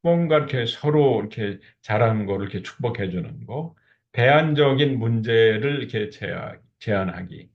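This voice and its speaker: Middle-aged guy lecturing about couples talking, low gravelly voice, kinda muffled lo-fi recording. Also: lively intonation, normal speed. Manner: explains steps, then acts out sample couple exchanges. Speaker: lecturer on marriage communication. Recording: dull lo-fi recording.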